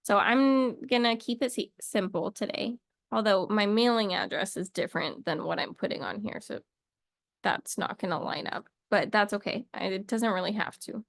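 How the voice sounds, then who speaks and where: A woman's voice: mid-range voice, moderate pace, creaky, fairly bright tone, no room sound, clean studio sound. A young woman teaching a casual English lesson to camera, chatty and playful, wandering off into little asides.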